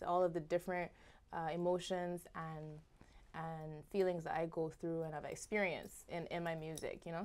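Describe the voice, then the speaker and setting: A young Barbadian woman singer from Barbados, talking expressively as a guest in a casual interview. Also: fairly low pitch. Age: young adult.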